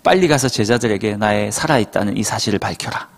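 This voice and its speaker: A man voicing a calm, gentle man who speaks with quiet authority. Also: on the low side, fast, vocal fry, voice pushed down.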